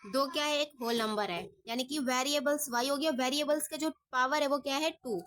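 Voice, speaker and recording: A woman's voice: high-pitched, brisk, fairly bright tone. A woman maths teacher working through problems step by step, patiently asking questions and answering them herself. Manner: patient, asks and answers her own questions, says ठीक है often. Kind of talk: step-by-step lesson.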